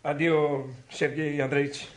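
A man's voice: on the high side, level tone, a little hiss or hum, lightly acted. An actor playing an earnest young man in a radio drama, agitated and accusing. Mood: ashamed.

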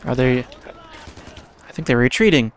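A man giving casual, chatty commentary over his own video game play, talking to himself. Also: medium pitch. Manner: chatty, self-talking, quick bursts when excited. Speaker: gaming channel host.

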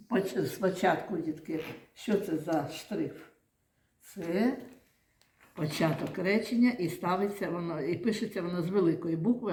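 Lady teacher talking slow n patient to little kids, lowish voice, echoey classroom. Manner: slow, patient, coaxing, addressing children as "дітки". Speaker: primary school teacher. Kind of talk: classroom lesson for young children.

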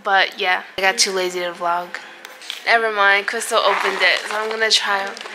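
A woman's voice: medium pitch, little pitch movement, moderate pace, background noise. A woman in her twenties chatting casually as a travel vlogger, filming herself at arm's length, playful and giggly. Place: outdoors walking streets and forest, and hotel room. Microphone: handheld camera at arm's length.

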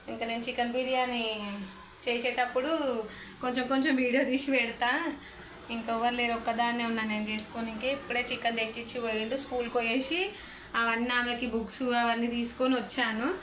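A woman's voice: fairly high pitch, a bit bright, a little hiss or hum, rough recording. A woman, chatting casually to viewers while cooking in her home kitchen. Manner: chatty, talks straight to viewers. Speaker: family vlogger.

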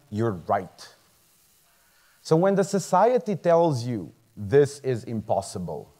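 With a slightly high, somewhat mellow voice, a man in his thirties from Croatia speaks earnestly in a motivational talk on a large theater stage. A medical student whose first language is Croatian, he chuckles often and keeps restarting words.

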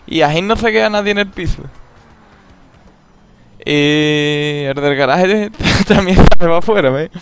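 A man's voice: on the high side, a little slow, pauses often, noisy background. A young man with an Andalusian Spanish accent, joking through casual gameplay commentary in a laid-back, drawling way. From Andalusia, Spain. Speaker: gaming YouTuber.

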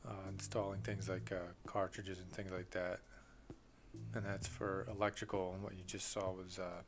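Off camera, a man who works as a plumbing contractor goes over his tools in plain, unhurried speech scattered with "uh." He has a low-pitched voice, a flat delivery and a moderate pace, with slight background noise.

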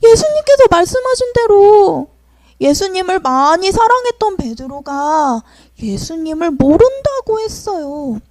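Animated woman telling a children's sermon. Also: very high voice, measured pace, dry recording. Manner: animated, sing-song, addressing children directly. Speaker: children's ministry preacher.

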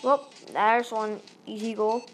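This woman from Malaysia, a gaming channel host with a Malaysian accent, yelps and pleads at the game during excitable let's-play commentary into a tablet microphone at her face. Her voice is on the high side and she takes it slowly. The recording is low quality, with slight background noise.

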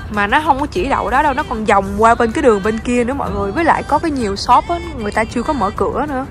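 Talking a mile a minute in a fairly high voice, a young Southern Vietnamese vlogger holds her camera at arm's length while touring outdoor shops. She addresses her viewers with enthusiasm in this casual travel clip, and music runs under her speech.

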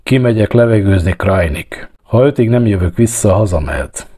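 A man voicing a huge, gruff middle-aged police chief who barks harsh orders. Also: fairly low pitch, lively intonation, mellow. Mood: angry. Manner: barking, harsh commands.

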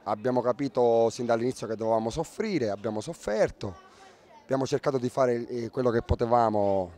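A man's voice: medium pitch, brisk, warm tone. A man, a football coach giving a post-match interview outdoors into a handheld microphone. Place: outdoors by a fence at a football ground.

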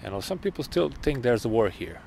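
Standing outside next to a graffiti wall, a young drummer from Bosnia and Herzegovina answers documentary interview questions in his native Bosnian, thoughtfully and with frequent repeated words. His medium-pitched, darkish voice swings widely in pitch, runs a little fast and shows vocal fry. The recording is rough, with outdoor noise in the background.

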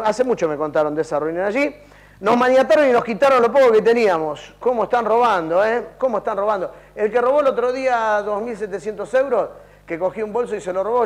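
A middle-aged man hosting a comic TV show, teasing his interviewees with mock outrage and holding a handheld mic indoors. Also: high-pitched. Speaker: comic TV host. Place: indoor studio and shops. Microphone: handheld microphone.

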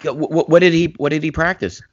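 A man's voice: a little high, little pitch movement, fast. A man co-hosting a podcast, talking eagerly with many stammers and restarts. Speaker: podcast co-host. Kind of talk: casual podcast conversation. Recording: dull lo-fi audio.

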